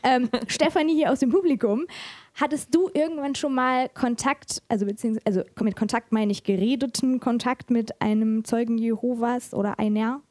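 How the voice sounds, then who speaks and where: A woman moderating a live event, chatty and quick to laugh. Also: a little high, steady tone, darkish tone, no echo.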